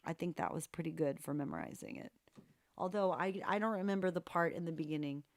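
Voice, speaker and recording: A woman's voice: fairly low pitch, expressive, fairly quick, dry recording, studio quality. A woman hosting a live piano-request stream, playfully chatting and answering viewers. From United States. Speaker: live-stream pianist host. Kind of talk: casual live-stream chat.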